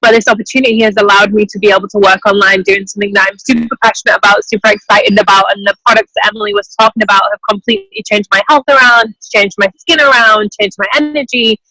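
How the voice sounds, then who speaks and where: An enthusiastic, informal Englishwoman in her twenties gives a motivational testimonial as a team member on a group video call from an airport terminal. Her mid-range voice is bright and forceful, fairly even, quick with hardly any pauses, on a dry, rough recording.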